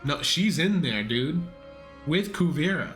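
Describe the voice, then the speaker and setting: Slangy man reacting casually over soft music. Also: on the high side, lively intonation, measured pace. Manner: slangy, profane, exclamatory. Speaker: reaction video host.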